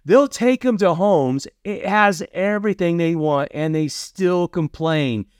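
Middle-aged guy preaching, high smooth voice, earnest, repeats himself, dry sound. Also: a little mellow, no room sound. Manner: earnest, repeats phrases, slows for scripture. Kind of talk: sermon.

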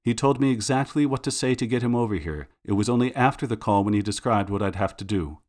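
A man voicing a shaken, ashamed imam who confesses in a quick, strained rush in a storybook reading. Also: on the low side, a little mellow, close to an everyday voice.

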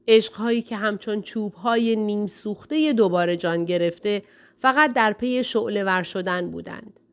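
A woman's voice: medium pitch, a bit bright. Woman reading a first-person audiobook. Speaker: audiobook narrator. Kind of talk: scripted first-person narration.

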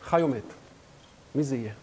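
A man hosting a talk show, asking brisk, teasing questions. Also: medium pitch, slight background noise. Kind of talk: casual talk-show interview.

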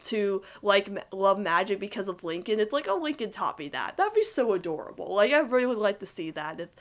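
A young woman gushing about a cartoon couple in rambling, excited casual commentary full of "like". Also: medium pitch, brisk. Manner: gushing, rambling, heavy use of "like", giggly. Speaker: cartoon fan reviewer.

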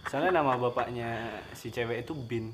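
A man's voice: medium pitch, fairly quick, a crowd in the background. A man co-hosting a casual chat, chiming in with jokes.

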